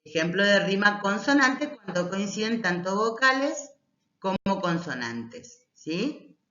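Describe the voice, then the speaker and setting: A woman teacher gives a patient recorded class lecture at an unhurried pace. She keeps checking in with short prompts and reads verses aloud slowly. The recording is roomy and dull, with a lo-fi edge. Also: mid-range voice, big pitch swings, bright, forceful tone. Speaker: language teacher.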